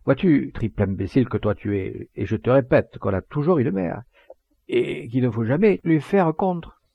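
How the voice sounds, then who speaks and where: Man reading as a hearty fatherly poacher, booming and sententious, gravelly husky voice, dull dry recording. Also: expressive, normal speed, no echo. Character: jovial hearty middle-aged male poacher, fatherly.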